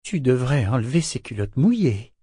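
A man's voice: a little high, fairly even intonation, a little slow, dark tone, no room sound, studio quality, pitched above the performer's own voice. A man voicing a young woman who pleads in a breaking voice. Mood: hopeful. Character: young woman, distraught then pleading and tender.

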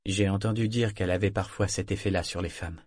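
A man voicing a tender, soft-spoken male lover in a low, hushed murmur. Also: fairly even intonation, a little fast, slightly rough, no room sound, studio quality. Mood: earnest.

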